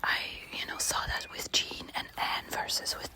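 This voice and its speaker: A woman telling a personal ASMR storytime in a hushed, quiet night-time whisper, informal and confiding. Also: moderate pace, low-quality recording.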